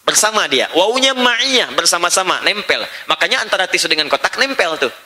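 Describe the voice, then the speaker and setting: Man, religious lecture, emphatic, rhetorical questions, high voice, lively pitch. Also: fairly quick. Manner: mimics foreign speech when giving examples. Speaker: Islamic religious teacher.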